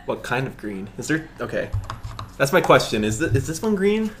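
A man's voice: mid-range voice, sing-song, moderate pace. A man co-hosting a casual challenge video, teasing his partner and laughing often. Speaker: co-host. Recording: clear background noise.

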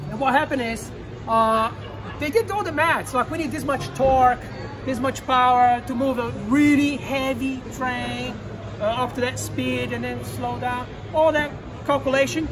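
Excitable high-voiced man at busy expo. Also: music in the background. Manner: excited, rapid, loose phrasing. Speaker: channel host. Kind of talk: casual expo walkthrough. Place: indoor expo hall. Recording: crowd noise behind.

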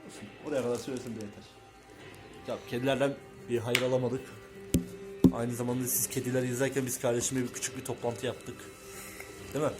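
A man's voice: medium pitch, little pitch movement, quick pace, long pauses. A young man hosting a home video, chatting casually and prompting the others to speak. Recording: echoey room, loud music behind.

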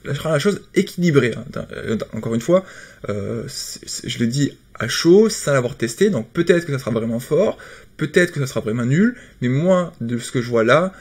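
Husky, hesitant male game commentator. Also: mid-range voice, lively intonation, moderate pace, a little mellow. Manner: hesitant, many fillers and restarts. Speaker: card game video commentator. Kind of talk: casual patch-notes commentary.

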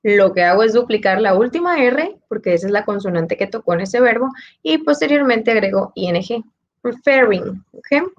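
Teacher lady, highish voice, explains slow and patient, asks ok? a lot, muffled lo-fi sound. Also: expressive. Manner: explains step by step, repeats key points, ends with "ok?". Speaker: English teacher. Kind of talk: recorded grammar lesson. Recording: dull lo-fi sound.

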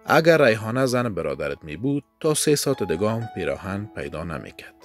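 A man with an Afghan Dari accent voicing a kind, gently humorous middle-aged mother. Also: fairly low pitch, very animated, soft background music. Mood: gentle.

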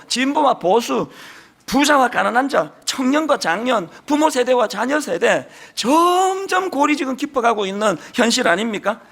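A man's voice: extremely high pitch, a bit bright. A middle-aged male pastor with a strong Gyeongsang Korean accent, preaching a sermon in an earnest, emphatic way. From Gyeongsang region, South Korea.

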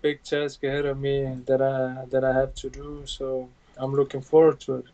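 Bosnian man talking flat over a video call. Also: mid-range voice. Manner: plain halting speech with many fillers. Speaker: UFC fighter guest. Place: home room indoors. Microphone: video call webcam. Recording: dull lo-fi video call audio.

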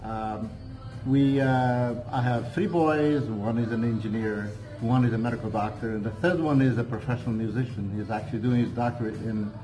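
A man's voice: mid-range voice, fairly even intonation, normal speed, dark tone, rough recording. A man in his sixties, from Portugal and with a Portuguese accent, chatting as an interview guest in a hotel cafe, rambling with frequent hesitations and restarts. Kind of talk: casual interview chat. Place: hotel cafe with large windows, indoors. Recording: music playing under the speech. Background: music in the background.

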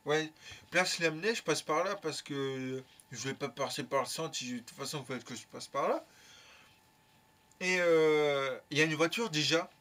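Young man, fairly high voice, bright tone, casual story, slangy and swearing. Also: normal speed. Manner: lively, slangy, swears freely. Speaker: YouTuber.

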